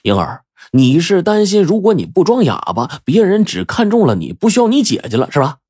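A man's voice: medium pitch, very animated, brisk, darkish tone, breathy edge, no room sound, studio quality, voice pushed up. A man voicing a shrewd, jovial young prince who confides his schemes with chuckles. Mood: sly, confiding. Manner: laughing, confiding, playful.

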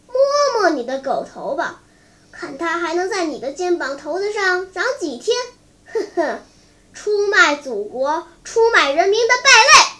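A storyteller doing a proud young male soldier from a storybook who has been taken prisoner. He talks with scorn in a high, unhurried voice. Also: very animated, pushed and bright, exaggerated voice. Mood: scornful. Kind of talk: storybook reading.

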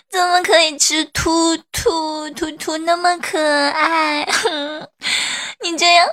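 A woman's voice: on the high side, slow pace, a bit bright. A woman acting a spoiled, babyish young woman who pouts and sobs dramatically in a comedy skit. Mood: sobbing. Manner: babyish, pouting, sobbing dramatically.

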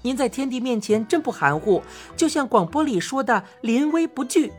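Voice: high-pitched, brisk, faint music behind, pitched above the performer's own voice, close to an everyday voice. A storyteller voicing an eager young child character in an audiobook story.

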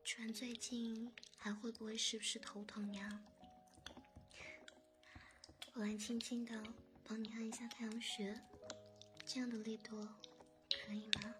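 A soothing whispered role-play of a gentle maid, acted by a woman. She murmurs caringly in a slightly high, very even spa whisper. Music plays prominently behind her. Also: normal speed, natural voice. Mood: soothing, attentive. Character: doting, gentle maid sister soothing her master to sleep.

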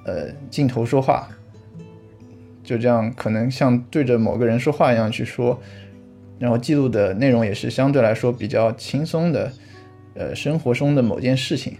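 A man of middle pitch talks as a podcast guest, explaining things patiently and thinking aloud as he goes. He drops easy laughs into his talk. Faint music plays behind him. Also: normal speed, vocal fry, warm tone. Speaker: podcast guest, vlog creator. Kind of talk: casual podcast chat.

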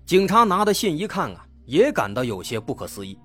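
A man's voice: on the high side, very animated, fairly quick, fairly bright tone, slightly rough, soft background music. A man narrates true crime stories in a conversational, explanatory way, posing rhetorical questions.

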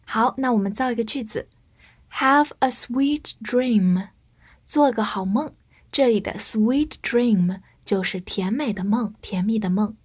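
A woman teaching English vocabulary in a scripted lesson, spelling words out and leading slow read-along drills. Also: on the high side, husky.

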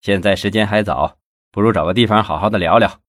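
A man voicing a jovial middle-aged city official in an audiobook, talking in a hearty, smooth way. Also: lowish voice, fast, a bit bright, no echo, studio quality, lightly acted.

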